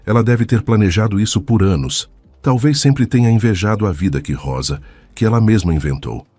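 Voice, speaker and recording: A man's voice: fairly low pitch, expressive, fairly quick, darkish tone, husky, soft background music, voice pushed up. A man voicing a stern, insistent housekeeper woman. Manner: urgent, coldly insistent. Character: stern loyal middle-aged woman housekeeper.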